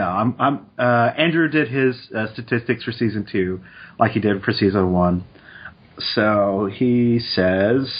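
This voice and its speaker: A man co-hosting a podcast in casual chat, relaxed and quick with asides. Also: medium pitch, husky, highs cut off. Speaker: podcast co-host. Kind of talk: casual chat, reading statistics aloud.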